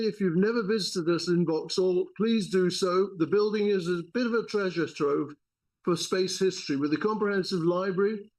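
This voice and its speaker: A man hosting an event, giving a polite, slightly halting formal introduction of a speaker. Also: high voice, darkish tone. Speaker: event host. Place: lecture room.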